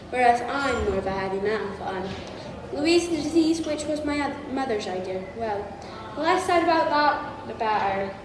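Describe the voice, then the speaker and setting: A woman voicing Iris the Virus, a boastful, theatrical female supervillain who is not human, delivered in a hammy, mock-menacing way with cackles. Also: sits high. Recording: echoey hall, noisy room.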